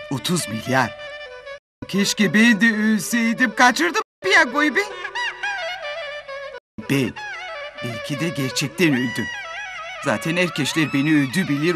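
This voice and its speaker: A woman's voice: low voice, full character voice. A brash, vain neighborhood woman. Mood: greedy. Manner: rough slangy exclamations, swings between loud bursts and murmurs. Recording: TV series audio with loud music.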